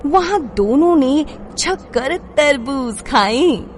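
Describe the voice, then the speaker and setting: Female narrator for a kids' moral tale, slow and expressive, slightly higher voice. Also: a little hiss or hum. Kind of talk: scripted story narration.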